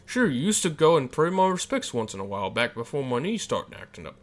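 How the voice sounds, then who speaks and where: A man's voice: mid-range voice, very animated, quick pace, close to an everyday voice. Grumpy old sea captain, as a man puts him on. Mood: gruff. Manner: salty sailor talk with piratey "yar" and "landlubber".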